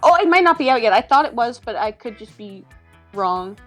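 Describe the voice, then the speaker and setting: A woman's voice: on the high side, animated, fairly quick, fairly bright tone, soft background music. A woman player chatting casually over a game, giggly and hesitant. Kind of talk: casual chat while gaming.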